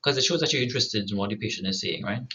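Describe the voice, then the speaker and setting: A man's voice: fairly low pitch, lively intonation, racing, sharp tone, rough recording. A man giving a recorded lecture to students, often checking in with "right?" and restarting his sentences. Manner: frequent "right?" tag questions, restarts.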